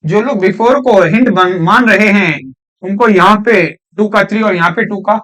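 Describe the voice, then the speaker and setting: A man's voice: high-pitched, moderate pace, fairly bright tone. Man teaching English grammar. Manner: questioning, coaxing students, repeats words. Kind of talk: classroom lecture.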